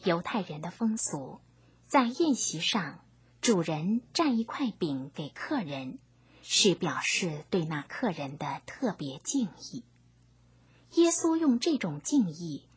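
Slow, breathy woman narrator. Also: lowish voice, very animated, no echo. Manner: gentle, half-whispered reading. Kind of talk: scripted scripture narration.

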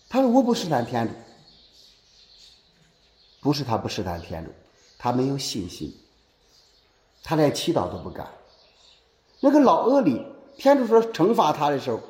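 A man with a slightly high voice delivers a lively sermon in an echoey church, his pitch rising and falling as he asks his audience rhetorical questions. He reads scripture aloud and then interprets it with a warm preaching cadence.

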